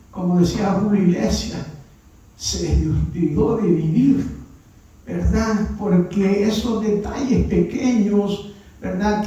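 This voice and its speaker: A man's voice: sits high, warm tone, lo-fi sound. A man preaching a conversational sermon as pastor. He keeps adding tag questions and sometimes raises his voice. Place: church. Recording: very echoey church hall, distant mic.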